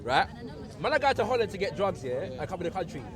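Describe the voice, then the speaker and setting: A man's voice: sits high, big pitch swings, fast talker. A man from Jamaica arguing in a street debate outdoors, insistent and interrupting, repeating himself. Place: outdoors in a busy park. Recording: outdoor crowd noise around.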